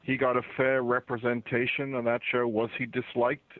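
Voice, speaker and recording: A man's voice: medium pitch, little pitch movement, normal speed, no room sound. A man asking questions as a reporter on a telephone press call. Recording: dull narrow-band phone conference line.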